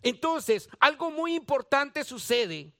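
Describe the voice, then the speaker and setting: High, bright-voiced Guatemalan preacher. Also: male voice, very animated, slow pace. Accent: Guatemalan Spanish. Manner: preaching, repeats lines for emphasis, asks the congregation direct questions. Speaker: pastor. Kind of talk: sermon.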